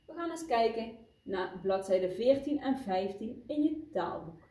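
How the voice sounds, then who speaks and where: A woman's voice: a little high, expressive, unhurried, dark tone. A woman teaching a vocabulary lesson to young pupils, patient and explaining, recorded in a classroom. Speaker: primary school teacher. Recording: echoey classroom from far off.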